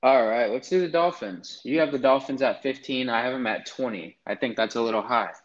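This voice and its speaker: A man's voice: medium pitch, a little fast, muffled recording. A man co-hosting a sports podcast, easygoing and steering the talk. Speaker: podcast co-host. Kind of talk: casual sports chat.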